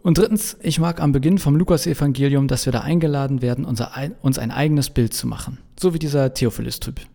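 A man's voice: mid-range voice, fast, creaky, mellow, voice pushed up. Man as a stubborn, hot-tempered church reformer. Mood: lecturing. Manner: insistent, lecturing. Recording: long reverberant echo.

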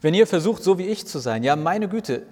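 Jesus as a calm, earnest housemate in an audio story, read by a man, long hall reverb. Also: sits high, brisk, pitched above the performer's own voice. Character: Jesus as a relaxed, cheerful housemate.

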